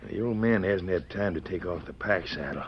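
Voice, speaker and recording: Man playing a low-voiced western outlaw. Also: fairly quick, lightly acted. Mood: scheming. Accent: American. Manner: rough western drawl. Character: scheming male outlaw ex-convict, rough and wary. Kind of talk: old-time radio western acting. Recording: muffled, noisy old radio recording.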